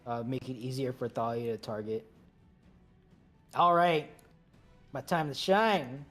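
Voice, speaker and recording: A man leads a team through a game raid, calling moves in a brisk, mid-pitched voice. He repeats his commands and drops in the odd joke. Soft game music plays behind him. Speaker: raid leader. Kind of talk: calling instructions over voice chat while gaming.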